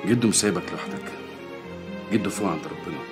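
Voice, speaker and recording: Actor as a soft-spoken Egyptian dad, deep voice, quick gentle reassurance. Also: male voice, music in the background, lightly acted. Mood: tender. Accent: Egyptian Arabic. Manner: gentle, soothing. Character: tender father comforting his young daughter.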